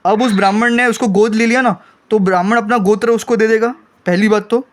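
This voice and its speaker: Male debate host, high voice, presses his point hard and cuts back in. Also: steady tone, a little fast. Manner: insistent, keeps demanding to be heard. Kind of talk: heated religious debate.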